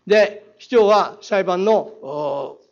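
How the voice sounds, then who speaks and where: A man with a Saga accent grills the mayor from the council floor, quoting passages and firing rhetorical challenges. His voice sits high for a man. The recording is a muffled, lo-fi council chamber feed. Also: slow pace, gravelly. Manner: combative, reads quotes aloud, rhetorical challenges. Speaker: city council member. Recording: dull lo-fi council chamber audio.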